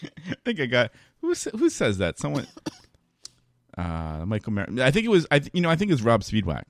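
A man co-hosting a podcast in casual chat, playful and teasing, quick to laugh. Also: medium pitch, huge pitch swings, no room sound, studio quality. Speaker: podcast co-host.

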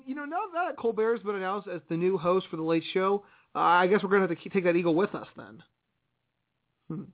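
Male radio host, high voice, casual chatty news commentary, thinking aloud, phone-like internet radio audio. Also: animated, a little fast. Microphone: internet radio broadcast.

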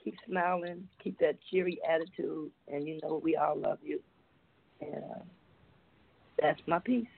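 A woman's voice: deep voice, fairly even intonation, a little slow, vocal fry, long pauses, slightly rough. A woman calling in to a radio show over a phone line, rambling and hesitant with many fillers. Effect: caller heard over a phone line.

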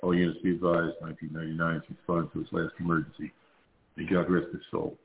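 A man working as a police dispatcher, giving a steady, measured call over a police radio. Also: low voice, slight background noise. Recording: tinny radio transmission.

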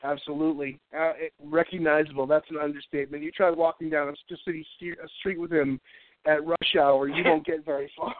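A man's voice: fairly high pitch, flat delivery, brisk, dry recording. An American man with a congested, stuffy nose hosting a casual radio show, rambling and stammering in a jokey way. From New Hampshire, United States. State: congested, breathing through mouth. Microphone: thin mic curled close to face. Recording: thin phone-like line.

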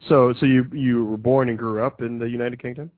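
Halting male host on a phone-like line. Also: medium pitch, steady tone. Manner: hesitant, many uhs and restarts. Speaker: podcast host. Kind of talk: casual interview questions. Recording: dry, phone-like narrow sound.

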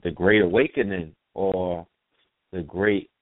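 A man in his forties hosting a radio talk show, speaking in a relaxed, laid-back way with drawn-out phrasing. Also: low-pitched, dry recording. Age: 40s. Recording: dry phone-line call audio.

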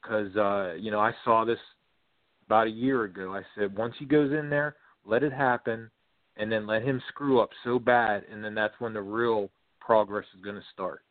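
A man's voice: fairly low pitch, fairly even intonation, moderate pace, no echo. A man calling in to a talk show, rambling and hesitant as he makes his point. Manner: rambling, hesitant, leans on "you know". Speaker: caller. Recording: tinny phone line.

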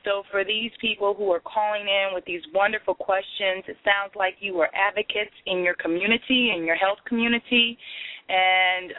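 A radio show caller heard down a thin, tinny phone line, a woman speaking in an earnest, encouraging way. She pauses often on "um" as she makes her pitch to the listeners. Her pitch sits mid-range. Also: dry recording. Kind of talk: promotional call-in pitch.

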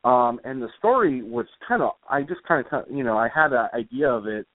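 As the guest in a casual conversational interview, a comic author and musician talks animatedly and a little fast at medium pitch, rambling somewhat in an informal way. The recording is dry and carried over a tinny line.

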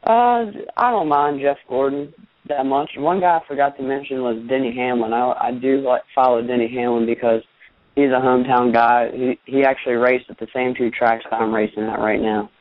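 A man's voice: mid-range voice, normal speed, no echo. A young man from Richmond, Virginia, a race car driver, talking easily and plainly as a guest over a phone line. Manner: easygoing, plainspoken, repeats words when starting. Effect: heard over a phone line. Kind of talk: casual phone interview. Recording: dry tinny phone line.

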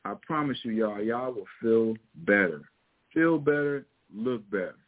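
A man's voice: medium pitch, expressive, measured pace. A man with a Missouri twang giving casual, motivational coaching advice in a folksy, emphatic way, repeating his key points. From Missouri, United States. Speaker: fitness and weight loss coach. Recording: thin phone-like audio.

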